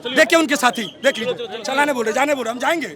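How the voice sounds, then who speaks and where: A high-voiced young man speaks fast and urgently as a student leader at a street protest. He sounds heated and defiant, pitching his voice up over the crowd around him. The crowd noise of the outdoor protest is loud and clear behind him. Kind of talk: agitated street protest interview.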